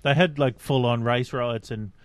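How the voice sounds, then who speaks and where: A man's voice: medium pitch, steady tone, moderate pace. A man co-hosting a casual radio show, joking in a dry, self-deprecating way. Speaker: radio co-host. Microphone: studio microphone.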